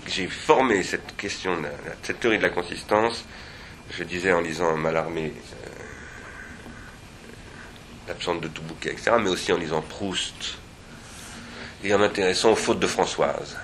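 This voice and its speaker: A man speaking at an academic seminar, digressive and reflective, pausing often and restarting his sentences. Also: sits low, fairly bright tone, a little hiss or hum.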